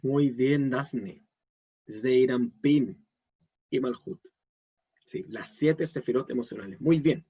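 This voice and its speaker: Man teaching in a husky voice. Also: medium pitch, slow, pauses often, warm tone, muffled recording. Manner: explanatory, asks the audience questions. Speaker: Kabbalah teacher. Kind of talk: live online Torah lesson.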